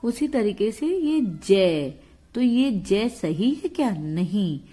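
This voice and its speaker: A woman teacher talks through a pronunciation lesson at an unhurried pace. She explains each point carefully and sounds out the syllables herself, at a middling pitch. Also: big pitch swings, dark tone. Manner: slow, explanatory, demonstrates sounds aloud. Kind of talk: classroom lesson.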